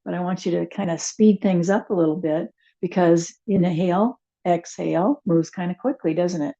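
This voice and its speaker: A woman teaching a chair yoga and meditation class, giving gentle, unhurried cues with soft asides. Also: on the low side, vocal fry, highs cut off. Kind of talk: guided yoga class instruction.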